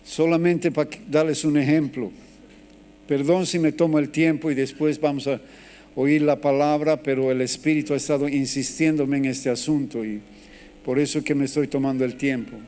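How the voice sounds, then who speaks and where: A man preaching a sermon as pastor, animated and acting out quotes as he teaches. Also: a little high, moderate pace.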